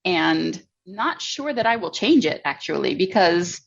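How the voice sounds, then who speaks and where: Slightly muffled, lower-voiced woman in conversation. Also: very animated, unhurried, gravelly. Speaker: podcast conversation partner. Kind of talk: reflective casual conversation. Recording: slightly dull, lo-fi sound.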